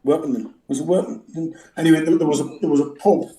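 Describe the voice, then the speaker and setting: A man from a tribute band, talking in a laid-back, halting way in a casual interview. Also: fairly high pitch, fairly even intonation, dark tone. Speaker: band member. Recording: roomy echo.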